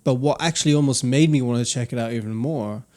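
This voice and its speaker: Fast and darkish in tone, this young man's mid-range voice carries a casual podcast chat he co-hosts. He reflects as he goes, rambling and restarting often.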